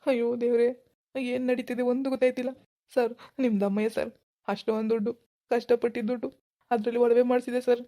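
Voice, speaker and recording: A desperate, bewildered village man voiced by a woman begs in a cartoon, pleading fast. The voice is dark and mellow, dry, a little high for a man. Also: level tone, dry recording, close to an everyday voice. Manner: pleading, bewildered, keeps begging "sir". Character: anxious village man pawning his gold. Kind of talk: animated cartoon dialogue.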